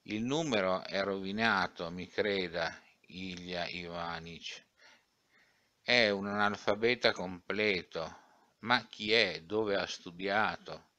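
A man's voice: low voice, takes it slowly, sharp tone, no room sound, exaggerated voice. A man voicing a zealous, indignant young male critic in an audiobook, with emphatic, scornful pronouncements. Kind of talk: audiobook character reading.

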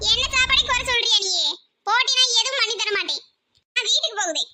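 Nagging big sis, a woman doing her in a cartoon, super high pitched and fast, southern tamil accent. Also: noisy background. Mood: scolding. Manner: scolding, nagging. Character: bossy scolding elder sister, village woman. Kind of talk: cartoon voice acting.

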